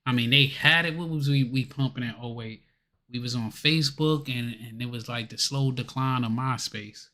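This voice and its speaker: Male co-host chatting casually, relaxed and conversational, uses slang. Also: medium pitch, normal speed. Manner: laid-back and conversational, with slang. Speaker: podcast co-host. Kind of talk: casual chat.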